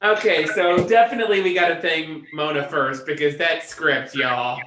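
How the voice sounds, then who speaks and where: A man talks in casual chat. His voice is a little high, and it echoes in a roomy space with clear background noise. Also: steady tone, moderate pace. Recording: noisy, echoing room with clicks.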